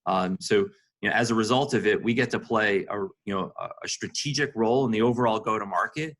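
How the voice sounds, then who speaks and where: Being interviewed as a senior marketing executive, a man explains things conversationally, peppering his answers with "you know." He speaks fast, in a fairly low, forceful voice with a bright tone.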